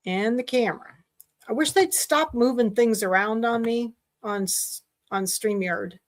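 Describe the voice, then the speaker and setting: A woman with a fairly high voice hosts a casual sewing livestream from her desk mic. She talks in a rambling, chatty way, full of fillers and restarts. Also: unhurried. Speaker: sewing class host. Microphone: desk mic while streaming.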